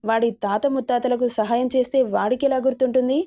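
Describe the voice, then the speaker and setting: A woman's voice: a little high, fairly even intonation, quick pace, mellow, close to an everyday voice. A woman voicing a fierce, proud elderly grandmother who owns land and speaks in a commanding, threatening way. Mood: bitter.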